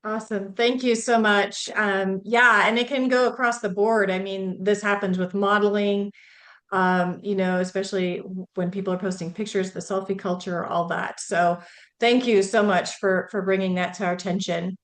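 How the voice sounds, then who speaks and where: A woman's voice: medium pitch, normal speed. Woman hosting an award ceremony. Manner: relaxed, filler-heavy, friendly moderating. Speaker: ceremony host.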